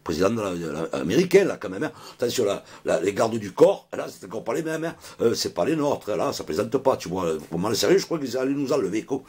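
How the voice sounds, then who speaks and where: A man's voice: lowish voice, sing-song, fast talker, hardly any pauses, a little mellow, husky. A middle-aged man telling a comic anecdote in a rambling, slangy way, full of fillers. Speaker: storyteller.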